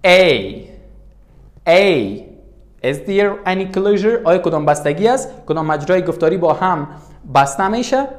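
A man teaching as a language tutor, saying each letter twice with slow, deliberate drilling and asking questions he answers himself. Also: high voice, expressive. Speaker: English tutor. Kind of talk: classroom language lesson.

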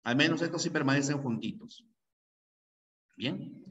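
A Peruvian man lectures in an echoey classroom at a measured pace, his voice fairly high and fairly bright. He's a pre-university language teacher who drills key rules over and over and asks frequent checking questions. The mic is distant and the sound dull.

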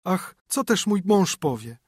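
A man's voice: medium pitch, expressive, normal speed, breathy edge, dry recording, studio quality, voice pushed up. A man reading a fairy tale audiobook, voicing a proud young princess fallen into poverty, speaking plaintively. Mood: lamenting. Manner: plaintive, lamenting.

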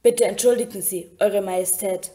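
A woman's voice: medium pitch, steady tone, moderate pace, warm tone, natural voice. A woman reading a formal palace guard.

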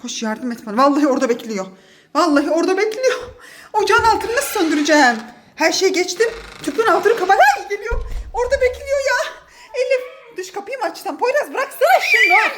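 A high-voiced woman in her thirties, a mother filming at home. She sounds flustered, laughing and urging her children along. The phone recording carries a clear hiss of noise. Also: very animated, fairly quick. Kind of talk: casual family vlog. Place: apartment home indoors.

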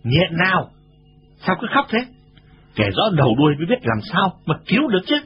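A man's voice: fairly high pitch, very animated, moderate pace. A man voicing a brash, bold young male cricket who speaks bluntly and commandingly in a storybook reading. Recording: dull lo-fi recording with noise.

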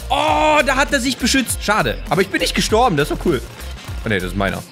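Man in his twenties, casual gameplay commentary, raised pitch, very lively intonation, exclaiming and joking, close mic. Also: quick pace, faint music behind. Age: 20s. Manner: excitable, exclaiming and joking while playing. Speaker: gaming YouTuber. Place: indoor room at home, on a couch. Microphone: close studio condenser microphone with pop filter.

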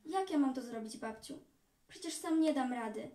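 A woman's voice: high-pitched, lively intonation, normal speed, warm tone. A woman reading the lines of an earnest young boy who guards a cave, in a storybook reading. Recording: echoey hall from far off.

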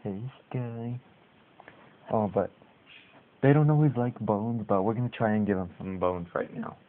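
A man's voice: lowish voice, lively intonation, moderate pace, a little hiss or hum. Man cooing to dogs, tinny audio. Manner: cooing puppy talk to dogs. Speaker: video host. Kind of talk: casual vlog talking to pets.

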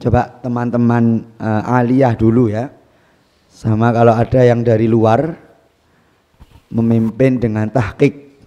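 A man teaching Quran recitation, explaining patiently and reciting Arabic verses slowly with stress. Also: medium pitch, flat delivery, warm tone, long reverb tail, dull audio. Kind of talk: instructional talk with recitation demos. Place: pesantren hall.

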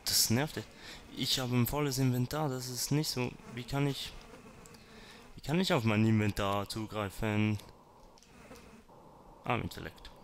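A man's voice: mid-range voice, steady tone, unhurried, long pauses, slight background noise. A man commenting on his gameplay, talking to zombies and to himself and swearing when startled. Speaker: let's player.

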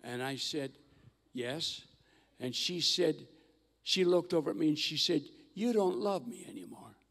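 An older man telling mission stories in a sermon on a church stage, animated and acting out the voices of the people in his stories. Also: fairly high pitch, unhurried, gravelly. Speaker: guest missionary speaker. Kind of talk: storytelling sermon. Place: large church auditorium stage. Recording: long hall reverb.

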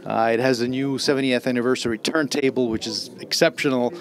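A man's voice: medium pitch, fairly even intonation, a little fast. Middle-aged guy from austria rambling eagerly into a handheld mic at a trade show, lots of uhs and restarts. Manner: eager, rambling, with many fillers and repeated starts. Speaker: audio writer and guest. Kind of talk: casual spoken introduction to camera. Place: trade show demo room. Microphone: handheld mic held close.

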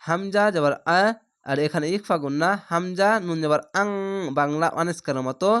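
A man teaching Quran reading, spelling out each letter and vowel slowly and then blending them into words. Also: a little high, fairly bright tone, clear, resonant tone. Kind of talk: slow spelled-out recitation lesson.

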